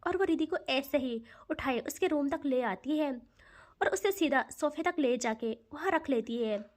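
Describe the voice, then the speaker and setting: A woman telling a romantic love story aloud, with a high voice. She narrates softly, with emotion and dramatic flair. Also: animated, measured pace.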